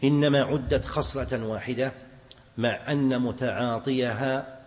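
A man teaching a classical religious text to students, explaining it slowly and quizzing them as he goes. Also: medium pitch, fairly even intonation. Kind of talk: mosque lesson explaining hadith. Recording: dull reverberant hall recording.

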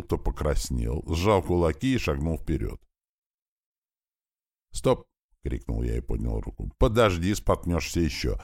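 A man's voice: a bass voice, darkish tone. A man reading a first-person audiobook in a dry, sardonic storytelling manner. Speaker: audiobook narrator.

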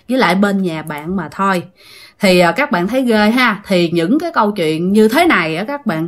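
A woman's voice: mid-range voice, fairly bright tone. A woman telling a ghost story, chatting directly with her listeners.

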